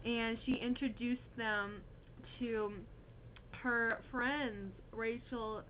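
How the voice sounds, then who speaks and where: Slow-talking young woman spinning a silly tale. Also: fairly high pitch, steady tone. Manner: playful, jokey asides, drawn-out delivery. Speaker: co-storyteller. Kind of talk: improvised storytelling. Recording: dull lo-fi recording with faint hiss.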